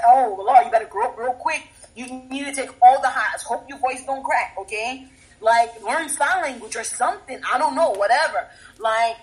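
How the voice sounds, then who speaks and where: A woman's voice: a little high, poor audio. A woman in a casual group discussion, giving emphatic, instructive advice and acting out the lines she recommends. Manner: emphatic, instructive, acts out quotes.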